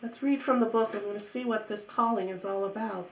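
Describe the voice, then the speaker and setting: Woman, mystical tarot horoscope reader, reassuring, repetitive phrasing, medium pitch, roomy echo, faint noise. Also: fairly even intonation, brisk. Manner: repeats phrases for emphasis, coaxing and reassuring. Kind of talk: mystical tarot horoscope reading, spoken off the cuff.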